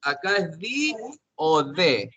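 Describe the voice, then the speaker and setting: A man's voice: a little high, big pitch swings, slow pace, highs cut off, crowd noise. A man teaching an English class online, explaining step by step, often repeating himself and checking with questions.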